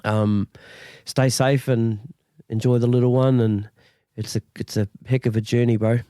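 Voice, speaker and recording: A man's voice: mid-range voice, level tone, normal speed, dark tone, no room sound. Man, New Zealand accent, casual interviewer, encouraging, laid-back, dry room. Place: at home on a remote call.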